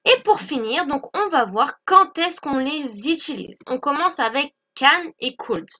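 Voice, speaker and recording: Bright high-voiced teacher. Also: female voice, lively intonation, a little slow, highs cut off. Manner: patient, repeats "d'accord?" often. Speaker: English teacher. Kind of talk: explaining lesson over slides.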